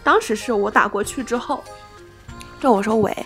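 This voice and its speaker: A young woman in her twenties co-hosting a casual chat podcast. She tells stories with energy and acts out the people in them. Her voice sits a little high. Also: moderate pace, a bit bright, faint music behind. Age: 20s. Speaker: podcast co-host.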